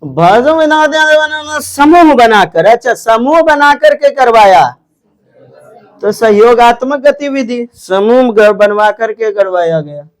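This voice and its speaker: A man's voice: extremely high pitch, expressive, takes it slowly. A male teacher giving an exam-prep lecture, drawing out words and repeating key terms.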